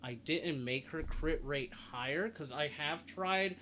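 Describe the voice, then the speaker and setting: Taking it slowly, a guide creator with a fairly high, sharp-toned voice explains a video game casually and reads out its stats. The recording carries clear background noise from the game's sounds and ambience.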